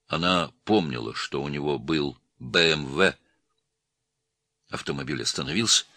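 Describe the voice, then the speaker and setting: Low-voiced guy reading an audiobook, bright edge, dry close sound. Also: dry recording. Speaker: narrator.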